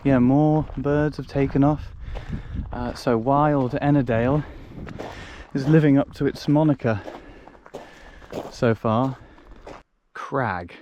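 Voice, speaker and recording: With a handheld action camera on a wooded fellside, a young man films his hiking vlog, chatty, self-mocking and prone to rambling restarts. He speaks slowly in a mellow, mid-range voice with fairly even intonation. The sound has cut-off highs and slight hiss or hum.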